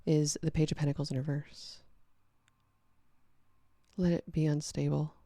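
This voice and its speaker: A woman doing a casual, chatty tarot reading, animated and breaking into sung-out phrases. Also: low voice, measured pace, dry recording. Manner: chatty, animated, sings out snippets. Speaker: tarot reader.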